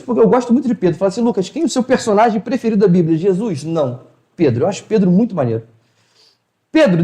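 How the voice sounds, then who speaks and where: Man telling lively stories in a roomy hall. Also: high voice. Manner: colloquial storytelling, acts out dialogue. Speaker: spiritual lecturer. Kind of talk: informal spiritual talk. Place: hall of a spiritual house. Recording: roomy echo.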